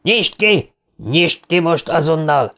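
A man's voice: on the high side, vocal fry, pitched above the performer's own voice. A man voicing a cruel, furious teenage boy bully who bellows his words. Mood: raging. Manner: bellowing, raw yelling.

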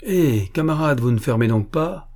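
A man reading an audiobook, voicing a suspicious male sentry who questions gruffly. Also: fairly high pitch, expressive, moderate pace, a little mellow, pitched above the performer's own voice. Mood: insistent.

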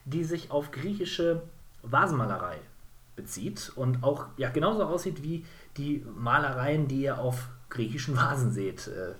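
A man's voice: medium pitch, big pitch swings, measured pace, a bit bright. A man co-hosting a casual games podcast, rambling with many fillers and self-corrections. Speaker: podcast co-host. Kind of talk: casual game podcast chat.

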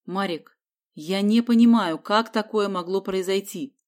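A woman voicing a panicky, fussy middle-aged man who wails loudly and shrilly. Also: normal speed, natural voice. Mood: irritated. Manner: shrill, loud, wailing.

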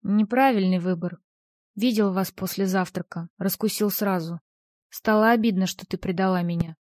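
A woman's voice: mid-range voice, moderate pace, a little mellow, no echo, clean studio sound, lightly acted. A woman voicing a jealous, vengeful young man in an audiobook, speaking in a cold, mocking way. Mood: menacing.

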